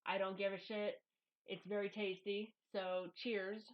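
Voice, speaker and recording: A woman's voice: medium pitch, little pitch movement, a little slow, lo-fi sound. Casting: middle-aged woman with a mid-range voice, informal confessional vlogger, plain-spoken and self-deprecating, speaking into a headset at home. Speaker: YouTube vlogger. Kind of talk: casual confessional monologue to camera. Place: small home office. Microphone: headphones used as microphone.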